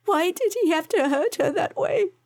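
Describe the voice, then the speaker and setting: Heartbroken young woman, sobbing whispers, high and soft, dark tone; woman narrator voices her. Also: expressive, normal speed, vocal fry, heavily acted.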